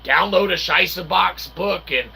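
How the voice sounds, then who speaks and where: A man with a high, gravelly voice and a breathy edge speaks a little slowly, his tone bright and forceful. He's a channel host and self-published author rambling through an informal monologue in mock-formal, wordy phrasing, often tacking on a short questioning tag to check in.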